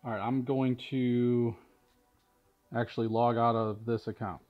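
In a large indoor vehicle workshop, a middle-aged product demonstrator from a powersports tuning shop gives an unhurried, casual, matter-of-fact walkthrough. His mid-range voice shows little pitch movement, and the sound is lo-fi.

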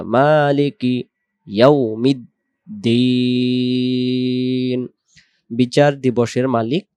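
A man teaching Quran pronunciation word by word. He draws out each word slowly in recitation, repeats it patiently, then explains quickly. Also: medium pitch, a little mellow, dry recording. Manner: slow drawn-out recitation alternating with quick explanations.

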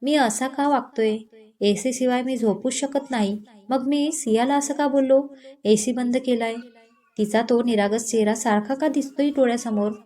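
A woman's voice: fairly high pitch, moderate pace, dark tone, natural voice. A woman voicing a flustered, defensive young husband in a read-aloud romance. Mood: brooding. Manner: stammering, defensive.

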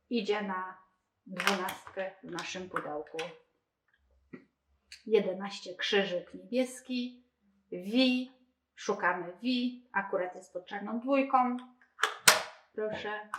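A woman showing a children's reading game step by step, explaining each move in a calm, methodical way. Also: medium pitch, a little hiss or hum. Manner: slow, methodical, talking through each move. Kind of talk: step-by-step demonstration. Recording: roomy indoor echo.

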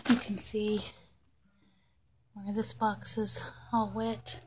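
A woman talks slowly and hesitantly as she walks through a basement, filming on a phone. She thinks aloud and clears her throat often. Faint handling noise and clicks sit under her voice. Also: medium pitch, level tone. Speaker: property inspector. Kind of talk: casual walkthrough narration. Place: damp basement, indoors. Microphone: phone camera held while walking.

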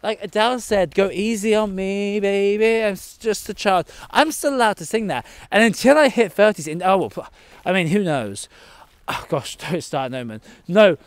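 Among the enclosures of an outdoor zoo, a twenty-something man holds his phone close and performs a sassy, dramatic, camp vlog monologue. His high voice is expressive, clear and resonant, at normal speed with no echo. He talks to both the camera and the animals.

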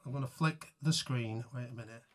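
A man's voice: mid-range voice, fairly quick, fairly bright tone, slight background noise. A man chatting casually to live viewers between songs, rambling and self-mocking as he greets people by name. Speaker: musician hosting a live tribute stream.

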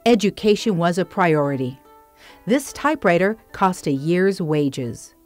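Calm woman narrating a documentary. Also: fairly low pitch, faint music behind. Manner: calm, measured documentary delivery. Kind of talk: scripted narration. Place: studio voice-over.

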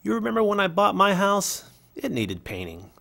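A man's voice: sits high, wildly swooping pitch, normal speed, gravelly, sharp tone, full character voice. A man reading an English voice-over for a signed conversation, in a conversational scripted style. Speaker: voice-over for a signing speaker.

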